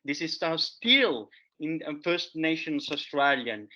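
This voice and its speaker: This man's voice is fairly high, sharp in tone, and unhurried as he shows off wild edible plants with casual enthusiasm. A foraging educator, he talks loosely in non-native English packed with fillers, often repeating himself and his catchphrase "there you have it." The recording is dull and lo-fi.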